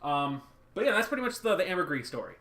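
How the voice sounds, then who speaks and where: Bright-voiced man recapping an episode. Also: sits high, fast talker. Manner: rambling, animated, acts out quotes. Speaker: podcast co-host. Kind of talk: casual chat recapping a cartoon episode.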